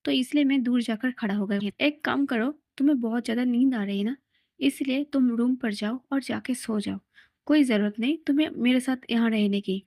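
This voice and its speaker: A woman's voice: fairly high pitch, fairly quick, darkish tone, no echo, clean studio sound, close to an everyday voice. A woman voicing a sulky, easily upset young man in a storybook reading, pouting and later teasing.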